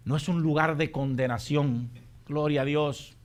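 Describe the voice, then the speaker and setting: A man preaching a sermon as pastor, moving from quiet, measured teaching to shouted, repeated exhortations to the congregation. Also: on the high side, steady tone. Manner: repeats phrases for emphasis, calls out to the congregation.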